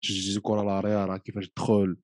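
Man, Moroccan accent, rapid explanatory talk, slightly low voice, French phrases mixed in, casual discussion. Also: monotone, darkish tone, dry recording, studio quality.

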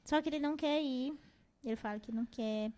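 A Brazilian woman, a mother of four, telling family stories in a relaxed interview and acting out her kids' voices. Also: high voice, a little fast. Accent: Brazilian Portuguese. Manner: animated storytelling, acts out her kids, laughs often. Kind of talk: casual interview chat.

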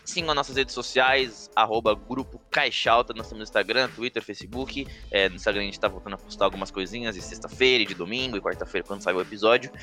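Bright-voiced Brazilian man, slangy podcast host. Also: on the low side, fast talker, few pauses, soft background music. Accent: Brazilian Portuguese. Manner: slangy, informal, swears casually. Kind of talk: casual chatty podcast talk.

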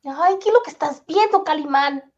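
A woman's voice: high voice, normal speed, close to an everyday voice. A woman voicing a despairing young boy sidekick in a radio drama, full of plaintive exclamations, on a dull recording. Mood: puzzled.

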